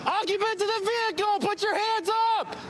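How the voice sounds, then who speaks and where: A man, a police officer, calling out clipped commands through a patrol car loudspeaker during a traffic stop on a city street. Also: very high-pitched, fairly even intonation, brisk. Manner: loud, clipped commanding orders. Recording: noisy outdoor street recording.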